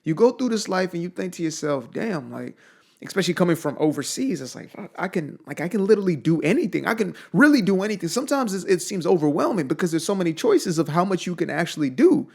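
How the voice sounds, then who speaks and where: Young man, from Zimbabwe, motivational monologue, emphatic, blunt, repeats phrases, slightly high voice. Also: very animated, fast talker, vocal fry, a little mellow. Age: young adult. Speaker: motivational speaker.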